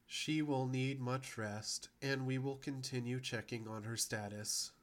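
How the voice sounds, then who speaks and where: A man voicing a large, polite insect alien healer who speaks in a slow, measured, formal way. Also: mid-range voice, steady tone, lightly acted.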